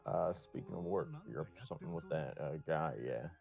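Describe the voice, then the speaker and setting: A man voicing a gruff, kindly middle-aged father in a visual novel, talking in a plain, halting way. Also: darkish tone, soft background music. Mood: gruff, awkward. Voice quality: deep, gravelly. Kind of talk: amateur visual novel voice acting.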